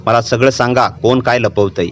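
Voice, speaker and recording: A man's voice: mid-range voice, steady tone, normal speed, slight background noise, natural voice. A man voicing a shaken woman doctor and mother, speaking desperately. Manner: desperate, pleading. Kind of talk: storytelling narration.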